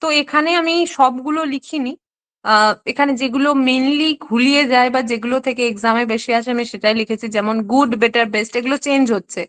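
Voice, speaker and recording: High-voiced woman teaching grammar. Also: fairly quick, fairly bright tone. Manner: explains step by step, checks in with "ঠিক আছে?". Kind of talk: online exam-prep lesson.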